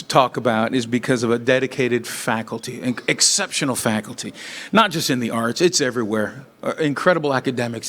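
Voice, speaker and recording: A man's voice: mid-range voice, fairly bright tone. A man presenting student awards at a school board meeting, reading out long lists of names with filler words.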